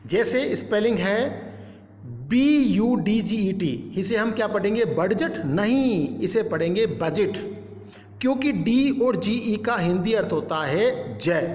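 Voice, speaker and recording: A male teacher giving a step-by-step lesson, spelling out letters and repeating each word. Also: high voice. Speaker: English teacher. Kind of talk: classroom-style lesson. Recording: echoey room with long reverb.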